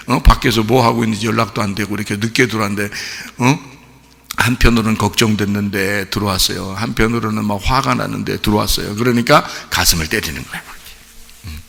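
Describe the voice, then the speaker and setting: Gravelly pastor preaching in an echoing hall. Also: male voice, on the low side, sharp tone. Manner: conversational, many rhetorical questions to the congregation, acts out quotes. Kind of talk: sermon. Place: church sanctuary.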